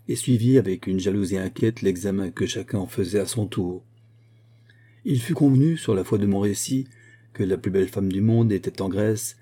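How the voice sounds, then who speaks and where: Husky, dark-voiced male narrator. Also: fairly low pitch. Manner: measured storytelling reading. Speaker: audiobook reader. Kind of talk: scripted narration.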